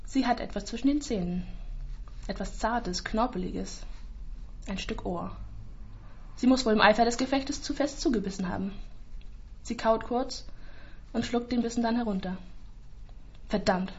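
A woman narrating a scripted story in a calm, even storytelling manner. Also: mid-range voice, highs cut off.

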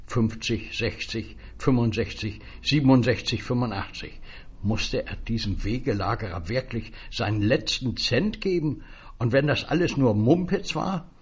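A man reading a story aloud in an expressive, husky voice. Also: medium pitch, dull audio.

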